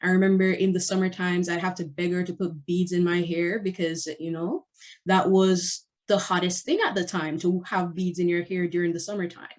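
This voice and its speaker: A young woman guest telling personal stories in a chatty, animated way. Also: fairly low pitch, moderate pace. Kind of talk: casual personal storytelling.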